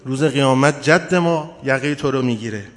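A man's voice: medium pitch, lightly acted. A man voicing two frightened, pious orphan boys who plead for their lives, in a tearful storytelling delivery. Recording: long hall reverb.

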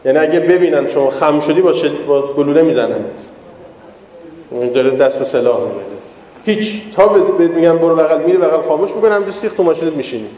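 A man with a high, mellow voice tells jokey stories to an audience. His voice rings out in a large, echoey hall with a long reverb tail. He talks casually and acts out the people in his anecdotes. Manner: storytelling, jokey, animated quoting of others. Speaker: speaker giving a public talk. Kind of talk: informal talk with humorous anecdotes.

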